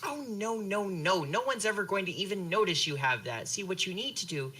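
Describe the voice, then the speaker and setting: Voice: medium pitch, expressive, brisk, pushed and bright, breathy edge. A game master voicing an overbearing, nagging middle-aged mother who scolds and fusses at her grown son. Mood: fussing. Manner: scolding, passive-aggressive, fussing.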